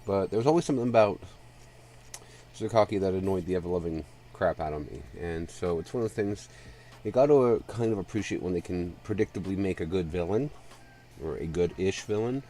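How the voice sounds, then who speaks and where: A man streaming a video game and chatting casually, congested and short of breath. His voice is low and dark, and he rambles as he goes. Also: expressive, fairly quick, slight background noise. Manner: rambling, chatty, with fillers and restarts. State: congested and winded. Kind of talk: casual let's-play commentary.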